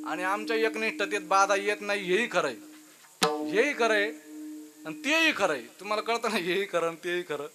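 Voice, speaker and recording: A male kirtan preacher giving a devotional sermon and telling stories in an animated way, often calling his listeners Maharaj. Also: very high-pitched. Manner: animated storyteller who keeps addressing listeners as Maharaj.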